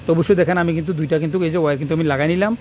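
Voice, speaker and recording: Male electrician, fast and repetitive on a phone mic, faint noise behind. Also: a little high, steady tone, darkish tone. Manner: fast, rambling, repeats himself while working. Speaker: electrician teaching wiring on his channel. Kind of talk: hands-on tutorial talk to camera. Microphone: phone camera propped nearby.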